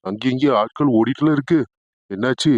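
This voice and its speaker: Guy doing a blunt man, fast talker, talk, dull lo-fi sound. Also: mid-range voice, no room sound, natural voice. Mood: curious. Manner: blunt, curious. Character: curious village man, blunt. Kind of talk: cartoon voice acting.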